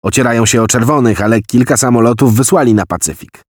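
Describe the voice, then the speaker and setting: A man's voice: medium pitch, fast talker, husky, no echo, pitched above the performer's own voice, close to an everyday voice. A man voicing an agitated American general who heads an intelligence office, given to long declamatory tirades. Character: blustering American general, spy chief.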